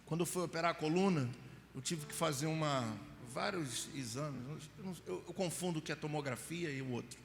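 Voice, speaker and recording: A middle-aged Brazilian pastor preaching with a high, gravelly voice in a Brazilian Portuguese accent. He tells stories and acts them out with voices and mock crying. The sound carries a long church-hall reverb with faint room noise behind it. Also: a little fast. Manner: storytelling, acts out scenes with mock crying and voices, rising to shouts. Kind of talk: sermon.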